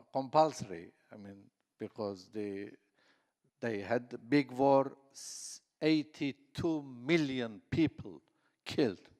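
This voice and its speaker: This man from southeast Turkey, a native Kurdish speaker, talks on a conference panel, often using fillers and restarting his sentences. His mid-range voice is a little mellow, and the recording carries the echo of the conference hall.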